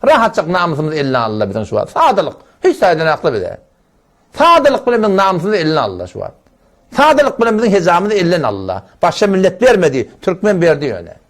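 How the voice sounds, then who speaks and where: A man's voice: high voice, wildly swooping pitch, quick pace. A male Islamic preacher giving a live lecture on family matters, exhorting his listeners emphatically, repeating phrases for stress and quoting Arabic scripture.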